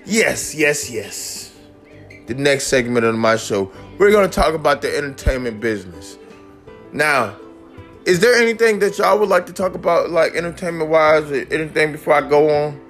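A man hosting a mock talk-radio show, ranting excitably and repeating himself with lots of "like.". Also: a little high, moderate pace, soft background music. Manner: excitable, repetitive, peppered with "like". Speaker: host of a homemade radio-style show.

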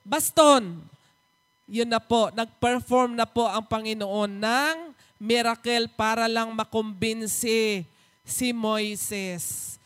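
A woman preacher delivers a slow, animated sermon, calling out to her congregation to answer. Her voice is bright and forceful. It echoes with long reverb through a church hall. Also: a little high, clean tone. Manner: animated, calls on the congregation to respond.

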